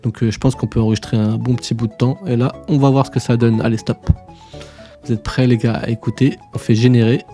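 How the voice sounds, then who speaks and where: A man's voice: medium pitch, level tone, fast talker, dark tone, soft background music. A man hosting a casual screen-share tutorial, informal and slangy, chatting to viewers like buddies. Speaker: tutorial host.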